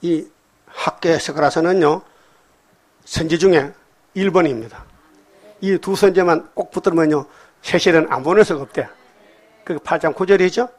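A man preaching to his congregation, reading scripture aloud and breaking it down in blunt, everyday talk. He keeps prodding his listeners with quick questions. His voice leaps into loud emphatic bursts, then sinks into low murmured remarks. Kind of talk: sermon. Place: church hall with congregation.

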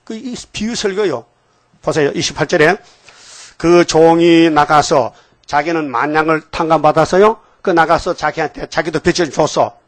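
A man's voice: fairly high pitch, normal speed, no echo. A male pastor preaching a sermon, scolding his congregation with rhetorical questions and calling on them to repeat after him.

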